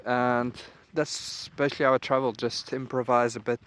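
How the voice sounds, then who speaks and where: A young man vlogging while walking outdoors through a small town, musing aloud in a relaxed, casual way. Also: medium pitch, normal speed, clear, resonant tone. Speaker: travel vlogger. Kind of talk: casual walking vlog narration.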